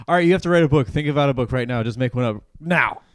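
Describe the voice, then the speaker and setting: A man's voice: mid-range voice, rapid-fire, no echo, studio quality. A man co-hosting a casual comedy podcast, spinning silly story ideas and swearing casually. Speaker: podcast co-host and editor.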